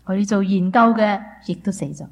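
A woman renders a preacher's sermon line by line as his interpreter. She keeps a steady, fluent pace, with a small filler sound now and then. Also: mid-range voice, a little fast, gravelly.

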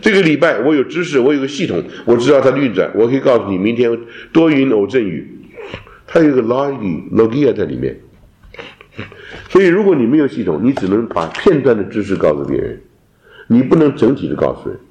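A man teaching a theology class, lecturing in an animated way and dropping in English terms. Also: medium pitch, fairly quick. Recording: roomy echo.

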